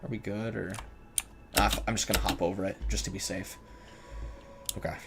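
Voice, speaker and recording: In a deep, level voice and at a slightly quick pace, a man jokes casually through a horror game stream. He's anxious about the scares and talks back to the characters, with clear background noise plus keyboard clicks and typing.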